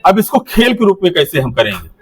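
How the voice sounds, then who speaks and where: A man's voice: high voice, huge pitch swings, brisk, a crowd in the background. A man leading teachers through a classroom activity, giving step-by-step directions to a group in a hall. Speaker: teacher trainer.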